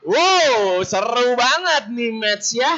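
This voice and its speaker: A commentator hoarse from yelling, calling live basketball in an informal, exclamatory way with English phrases mixed in. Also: mid-range voice, expressive, slow pace. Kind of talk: excited live sports commentary. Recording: dull lo-fi broadcast sound, loud music behind.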